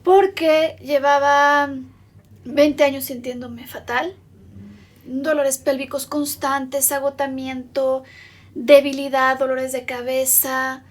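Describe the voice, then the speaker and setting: A woman's voice: sits high, little pitch movement, slow pace. A woman with a Mexican accent giving a documentary interview in a doctor's consulting room, hesitant and often repeating her words. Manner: hesitant, repeats words, long spoken lists. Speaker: patient interviewee.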